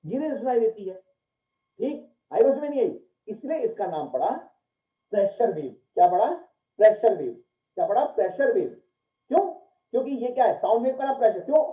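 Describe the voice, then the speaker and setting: A man's voice: sits high, lively intonation, a little fast. A man giving a physics class, who keeps asking questions and answering them himself and calls his students "beta". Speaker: physics teacher. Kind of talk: classroom lecture. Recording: echoey room, tinny phone-like sound.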